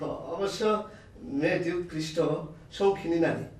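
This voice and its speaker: An actor playing Sulaiman, a jealous, quarrelsome husband in a comedy TV drama who yells and teases his wife. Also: high-pitched, steady tone, moderate pace, recorded from a distance, lightly acted. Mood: teasing. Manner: shouting, teasing, quarrelsome. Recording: roomy sound from off the mic.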